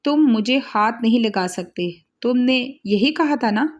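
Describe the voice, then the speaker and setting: Woman doing a flustered young wife who keeps protesting, highish voice, romance story reading. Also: expressive, a little slow. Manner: protesting, pleading.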